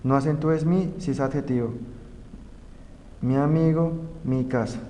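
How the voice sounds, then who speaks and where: A young man from Colombia reads out spelling rules and example words one by one, slow and deliberate like a class presentation. His voice carries a lingering reverb with a faint noise underneath. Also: medium pitch, steady tone, warm tone. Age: young adult. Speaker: student presenter. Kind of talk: reading a grammar tutorial.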